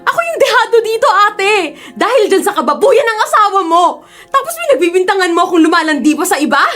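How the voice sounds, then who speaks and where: A woman's voice: very high-pitched, lively intonation, brisk. A woman voicing an emotional, tearful young student who is a younger sister, in an audio drama. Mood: furious. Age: young adult. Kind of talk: Tagalog audio drama acting.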